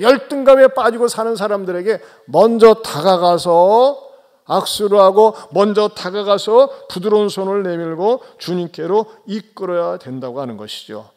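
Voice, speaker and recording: A male pastor with a high-pitched voice delivers a Sunday sermon. He questions his listeners and calls on them directly, dropping to hushed, low remarks before rising into loud, urgent exhortation. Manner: swings between soft low asides and loud raised exhortations; questions and addresses the congregation directly.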